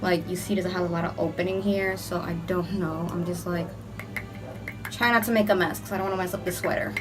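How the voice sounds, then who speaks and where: Under hot filming lights indoors, a young woman with a mild cold runs through a casual makeup tutorial, background music playing. The beauty vlogger is chatty and meandering, saying "like" constantly. Her voice is on the low side, fairly quick, with fairly even intonation.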